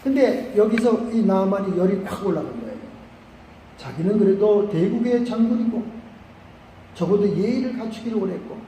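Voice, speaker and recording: A man preaching in a church sanctuary, his high yet mellow voice ringing through a long hall reverb. He tells the story with animated, acted-out voices and sudden shouts. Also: a little hiss or hum. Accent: Korean. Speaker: pastor. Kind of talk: sermon.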